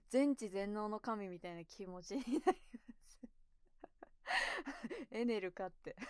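A young woman, a bit tipsy and seated on the floor at home, answers questions from viewers in a loose, casual chat. She wanders off topic, giggles and lets sentences fade into mumbling; there's no room sound, and she says her normal voice is low.

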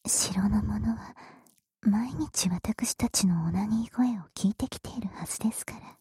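A woman voicing a polite, ladylike older sister in a castle in a whispered role-play, speaking in a breathy voice close to the ear. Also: mid-range voice, unhurried, mellow, no room sound. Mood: soft, devoted. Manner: courteous, formal ladylike speech. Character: polite noble older sister, doting on hero.

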